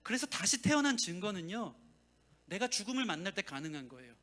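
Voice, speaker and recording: A man's voice: high voice, a little fast. A male pastor preaching a sermon and telling a family story, acting out the people he quotes. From South Korea. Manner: animated storytelling, acts out quoted voices.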